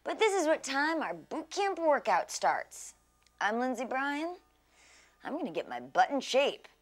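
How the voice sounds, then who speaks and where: A woman's voice: high-pitched, sing-song, a little slow. A woman TV host doing an on-location segment, talking in a playful, dramatic way and groaning complaints. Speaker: TV show host.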